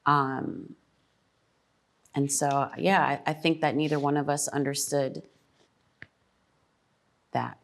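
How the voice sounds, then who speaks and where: A middle-aged woman talking about family and sacrifice, reflective and a little emotional, pausing often to think. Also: deep voice, flat delivery. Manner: reflective, pauses with ums. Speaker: mother, podcast guest.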